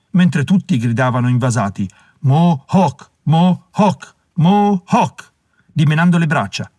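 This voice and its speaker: Expressive male audiobook narrator. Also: mid-range voice, dry recording, studio quality. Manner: measured, dramatic storytelling. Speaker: audiobook reader. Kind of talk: scripted narration.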